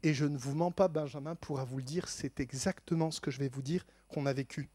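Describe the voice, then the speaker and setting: High-voiced man telling a lively testimony. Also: a little fast, dry recording. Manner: animated, laughing often, stammering repeats.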